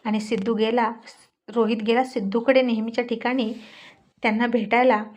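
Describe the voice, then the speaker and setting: A woman narrating a serialized romance story in steady storytelling style. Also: fairly high pitch, moderate pace.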